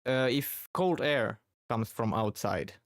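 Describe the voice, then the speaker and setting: A man from Finland talks casually at a slow pace, with plenty of vocal fry in a middle-pitched voice. He halts often to search for words. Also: expressive, no room sound, clean studio sound. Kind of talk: casual chat.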